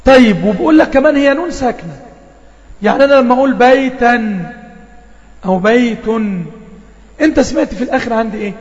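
A man's voice: very high voice, expressive, fast talker, pauses often. Man, Egyptian accent, patient teacher, quizzing students, lo-fi echoey sound. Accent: Egyptian Arabic. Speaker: Quran recitation teacher. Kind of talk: online tajweed lesson. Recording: dull lo-fi audio with reverb.

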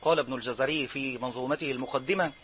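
A man with an Egyptian accent teaching Quran recitation rules, explaining each rule and then chanting slow example verses. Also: mid-range voice, husky, muffled recording. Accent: Egyptian Arabic. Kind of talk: tajweed lesson.

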